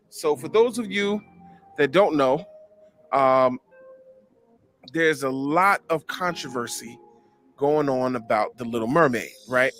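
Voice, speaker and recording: A man hosting a casual talk show, speaking in an animated way and often checking in with "right?", with some music behind him. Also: medium pitch. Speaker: podcast host. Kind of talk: casual chat.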